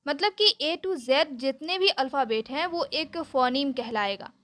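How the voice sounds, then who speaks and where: A woman's voice: sits high, animated, measured pace, fairly bright tone. A woman teaching a lesson, explaining step by step and repeating her points, with a few hesitations.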